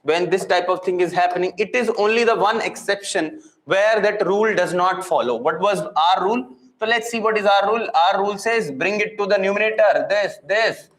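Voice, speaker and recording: Casting: male classroom teacher, Indian accent, high voice, emphatic and repetitive delivery, reverberant room. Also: normal speed, fairly bright tone. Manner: repetitive, emphatic, asks and answers own questions. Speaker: physics and maths teacher. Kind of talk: live classroom lesson. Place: indoor room with echo. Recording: echoey room.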